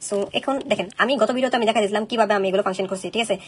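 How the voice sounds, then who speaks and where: Rapid-fire woman coding tutor. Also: medium pitch, breathy edge. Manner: rapid, keeps checking in with "okay?". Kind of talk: screen-recorded coding tutorial.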